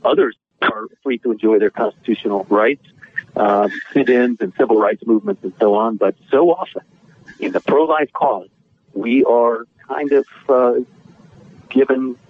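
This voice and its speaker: A man, an attorney, talking as a guest in a radio interview over the phone, in an earnest, measured way with filler pauses. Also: mid-range voice, slightly rough, no echo. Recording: tinny dry phone line.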